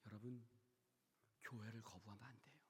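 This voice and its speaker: A man preaching a sermon as pastor. He swings from hushed near-whispers to loud, shouted peaks, and he keeps asking the congregation questions and having them repeat phrases after him. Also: on the low side, steady tone, normal speed, husky, long reverb tail. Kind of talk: Wednesday service sermon. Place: church sanctuary.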